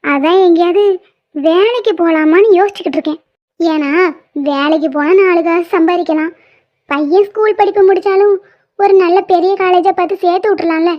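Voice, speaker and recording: Lady playing a fretting poor mom, super high voice, dull lo-fi audio. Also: fairly quick. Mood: worried. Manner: earnest, weary, worried. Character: worried working-class mother, caring and anxious. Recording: dull lo-fi sound.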